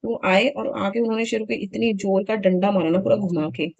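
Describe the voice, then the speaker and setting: A woman's voice: mid-range voice, a little fast, gravelly, darkish tone, no room sound, dull audio. A woman in her thirties chatting casually in a home vlog, telling a story in an indignant, talkative way. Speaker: vlogger.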